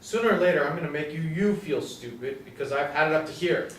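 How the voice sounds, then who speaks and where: A petty, easily needled young man, played by an actor argues every small point in a fairly high voice. The sound is roomy and distant from the mic, with a faint hiss behind it. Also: expressive, fast, fairly bright tone. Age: 20s. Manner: pedantic, touchy, awkward. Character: fussy petty young man selling ice cream.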